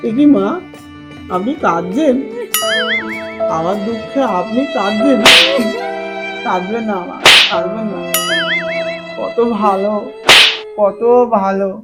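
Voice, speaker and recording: A man playing a humble beggar who pleads for alms and gushes with gratitude in a comedy sketch. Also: high voice. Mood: pleading. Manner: slow pleading, sentimental. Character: humble male beggar, pleading and overly grateful. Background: loud background music.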